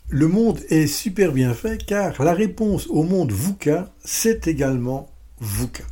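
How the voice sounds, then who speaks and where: A man's voice: on the high side, a little slow, soft background music. A man presenting a business lesson step by step, with playful, self-mocking asides. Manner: steady step-by-step explaining.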